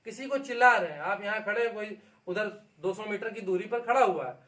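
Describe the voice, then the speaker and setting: A man teaching an exam-prep lesson, explaining lively and often checking in with his students. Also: high-pitched, a little fast. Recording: echoey room, distant mic.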